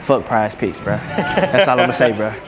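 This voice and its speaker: A man's voice: medium pitch, sing-song, normal speed, a crowd in the background. A young man chatting casually and playfully in slang for a street vlog, swearing often. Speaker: vlogger.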